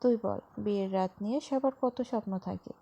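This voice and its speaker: A woman reading aloud as a hot-tempered young husband who pleads and snaps in a loud, gravelly storybook voice. The tone is dark and mellow, with fry at the ends of phrases. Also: high-pitched, brisk, a little hiss or hum. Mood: pleading. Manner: pleading, then snapping angrily.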